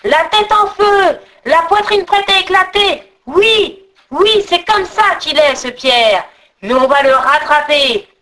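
A woman's voice: very high-pitched, lively intonation, takes it slowly, voice pushed up, full character voice, poor audio. A woman doing a howling troll horde. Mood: jeering. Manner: shouting, jeering.

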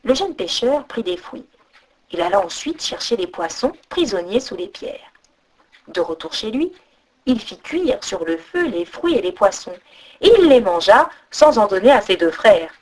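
A woman reading a folk tale aloud as storyteller, expressive, with sung-out sound effects. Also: on the high side, normal speed. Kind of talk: storybook narration.

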